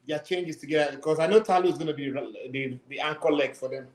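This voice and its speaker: Man on a conference call, halting and repetitive, voice pitched a bit high, echoey room sound, cutting in and out. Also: steady tone. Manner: halting, repeats his words, laughs between phrases. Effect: remote conference call audio that breaks up. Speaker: guest caller. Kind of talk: casual sports chat. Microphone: distant device mic, no headphones. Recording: roomy echoey call line.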